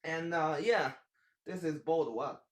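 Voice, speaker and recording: Chinese-accented man hosting, slightly high. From China. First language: Mandarin. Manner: halting, searches for English words, animated hand gestures. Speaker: talk show host. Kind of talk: casual chat. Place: small indoor room, seated at a table.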